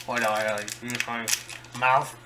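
A man doing a casual food-tasting vlog, halting and searching for words as he chews and talks. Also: mid-range voice, flat delivery, background noise. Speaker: vlogger.

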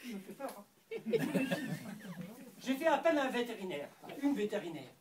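A man performing a comic stage dialogue, bickering back and forth in an animated way. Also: sits high, normal speed, noisy background. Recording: distant mic in an echoey hall.

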